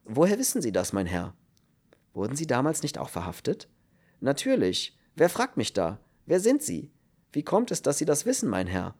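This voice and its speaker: A man's voice: on the low side, sing-song, brisk, a little mellow, slightly rough, exaggerated voice. A man voicing a fretful, luckless male refugee who frets and complains. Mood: worried. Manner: anxious, complaining. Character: fretful luckless male refugee, middle-aged, easily upset.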